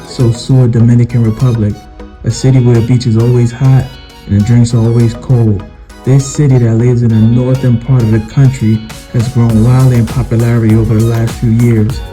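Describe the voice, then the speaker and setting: A man narrating a scripted intro in a measured, deliberate way. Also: medium pitch, flat delivery, warm tone. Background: guitar music.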